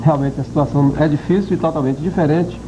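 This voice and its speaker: A male TV news host, interviewing a guest with brisk, probing questions, heard from an old VHS tape. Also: fairly high pitch, steady tone, highs cut off, background noise. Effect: old VHS tape recording.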